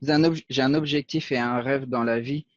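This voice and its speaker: A man's voice: mid-range voice, fairly even intonation, fairly quick, dry recording, highs cut off. A man from Portugal, a guest in a casual interview, speaking hesitantly with many fillers. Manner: hesitant, fillers, short laughs. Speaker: guest, affiliate marketer.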